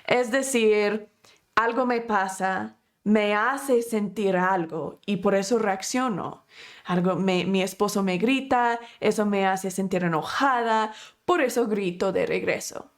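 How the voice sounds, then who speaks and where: A woman, teaching a class on emotions in an expressive way, often correcting herself mid-sentence. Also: medium pitch, slow pace. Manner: expressive, acts out quotes, frequent self-corrections. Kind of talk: lesson.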